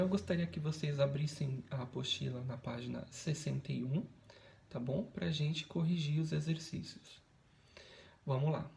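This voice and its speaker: Speaking with a Brazilian Portuguese accent, this male teacher records a video lesson patiently and keeps checking in with tag questions. His voice is a little high, creaky and warm, with a slight hiss or hum in the audio.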